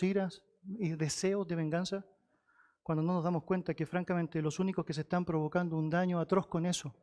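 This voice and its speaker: A man preaching a sermon in a high voice. He pushes up sharply for emphasis and sinks low when he repeats key phrases, so each point gets stressed twice. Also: darkish tone. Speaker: pastor.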